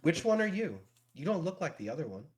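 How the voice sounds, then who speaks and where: A man's voice: fairly high pitch, big pitch swings, quick pace, heavy background noise, pitched above the performer's own voice. A man doing a curious strange child. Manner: blunt, curious questions.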